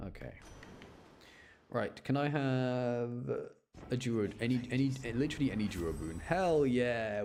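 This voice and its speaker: Here a man with a medium-pitched, slightly mellow voice streams a game, talking casually and chattily, often breaking off mid-thought to explain something. Music plays in the background of the recording.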